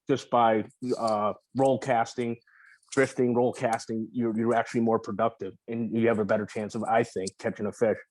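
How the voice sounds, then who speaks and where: A man talking casually as a podcast guest, mid-pitched and easygoing. He rambles through his stories with plenty of profanity and false starts. The sound is close and dry, with no room around it. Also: moderate pace, no room sound. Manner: relaxed, profane, rambling with restarts. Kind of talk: casual interview storytelling.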